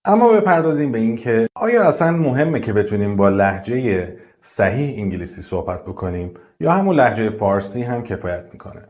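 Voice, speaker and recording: A man hosting an English lesson, explaining pronunciation clearly and methodically. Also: fairly low pitch, expressive, hardly any pauses, a little mellow. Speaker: English teacher and video host.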